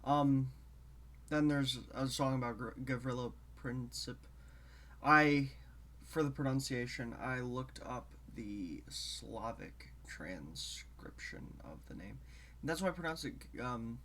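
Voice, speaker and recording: A man's voice: mid-range voice, lively intonation, fairly bright tone. A man with a mid-range voice, talking alone to camera in a loose, rambling way. He halts often and wanders from one topic to the next, and he sounds a bit congested. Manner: rambling, halting, drifts between topics. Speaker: show host. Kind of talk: casual solo talk to camera.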